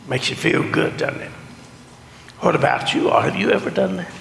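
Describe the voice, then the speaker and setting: A man preaching as a pastor in a strangled, choked-up, congested voice, hoarse from a sinus infection, with a deliberate, folksy delivery. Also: fairly high pitch, lively intonation, fairly bright tone. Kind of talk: sermon, children's talk and scripture reading. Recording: long echo of a large hall.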